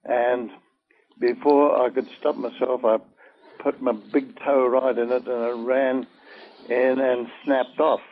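An older man telling a long personal story in an oral-history interview, halting and full of fillers. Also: mid-range voice, little pitch movement, slight background noise. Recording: tinny phone-like old recording.

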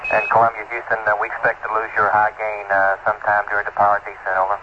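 A man's voice: fairly low pitch, monotone, fast. A man on a two-way radio link, giving clipped, businesslike radio procedure as a mission control operator. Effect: heard over a two-way radio link. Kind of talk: terse radio procedure talk. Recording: dull, static-filled archival radio transmission.

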